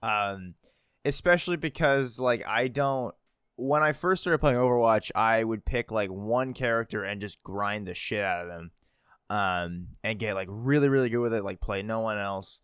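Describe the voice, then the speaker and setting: A man co-hosts a podcast in loose, casual chat. His voice sits low and smooth, close and dry with no room around it. He rambles, fills gaps with ums and laughs at his own shortcomings. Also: moderate pace, a bit bright, no room sound. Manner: rambling, filler-heavy, laughs at himself. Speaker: podcast co-host.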